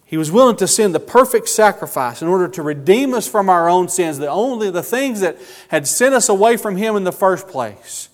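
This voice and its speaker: A man preaching a sermon, earnest and emotional, with slow emphatic phrasing. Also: high voice, animated, in a large hall.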